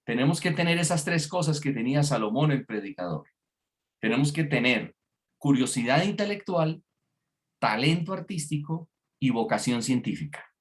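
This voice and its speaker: A man's voice: mid-range voice, animated, normal speed. A man preaching a sermon to a congregation, engaging them with frequent questions. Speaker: pastor. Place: church before a congregation.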